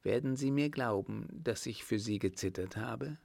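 A man's voice: mid-range voice, moderate pace, gravelly, a little mellow, no echo. A man reading an earnest young French mademoiselle.

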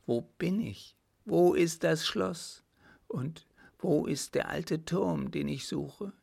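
A man's voice: fairly high pitch, animated, a little slow, vocal fry, pitched above the performer's own voice, exaggerated voice. A man voicing a pouting young French lady. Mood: frightened. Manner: pouting, plaintive. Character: spirited young French lady, lost in woods.

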